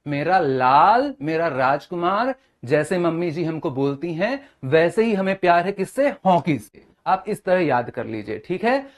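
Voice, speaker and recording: A man's voice: on the high side, sing-song, moderate pace, hardly any pauses, a little mellow. A young male teacher giving an exam-prep lecture, building memory tricks and checking in with short questions. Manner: mnemonic-heavy, keeps asking "है ना?" and "ठीक है?".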